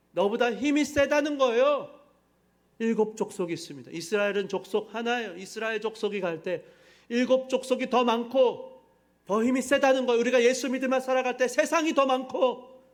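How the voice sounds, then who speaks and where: A middle-aged male pastor delivers a sermon in a church sanctuary, his voice pitched high. He presses the congregation with emphatic rhetorical questions, then drives home each point. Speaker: senior pastor.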